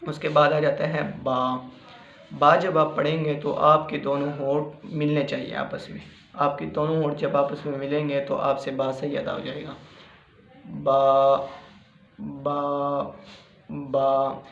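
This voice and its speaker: A man's voice: fairly high pitch, level tone, normal speed, a bit bright. Patient man teaching letter sounds. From Pakistan. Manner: patient, repeats each point and sounds out letters. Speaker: Quran reading teacher. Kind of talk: slow spoken lesson with demonstrations. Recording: muffled echoey room recording.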